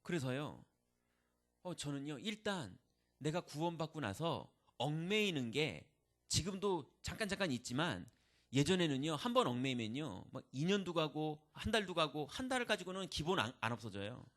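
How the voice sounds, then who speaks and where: A man's voice: a little high, very animated, normal speed, fairly bright tone. A male pastor giving a candid, confessional testimony in a sermon, acting out his own grumbling thoughts.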